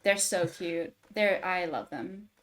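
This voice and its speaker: A woman co-hosting a podcast in casual chat, enthusiastic and quick to joke. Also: on the low side, a bit bright. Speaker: podcast co-host.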